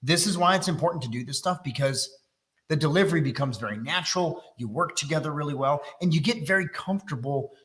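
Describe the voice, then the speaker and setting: With a slightly high, fairly bright voice and lively intonation, a congested middle-aged Texan talks quickly. He hosts a live business webinar casually, teasing his audience and making fun of himself.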